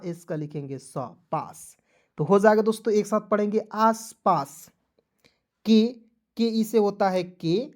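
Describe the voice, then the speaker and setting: A male English teacher with a high, slightly mellow voice gives a spelling lesson, spelling words out letter by letter. He's friendly, calls viewers his friends, and often asks "ठीक है ना".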